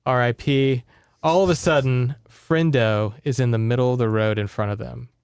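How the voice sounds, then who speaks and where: On his podcast, a man casually recaps a book and checks in with the people listening. His medium-pitched voice is clear, resonant and a little mellow, with fairly even intonation at normal speed, recorded cleanly in a studio with no echo.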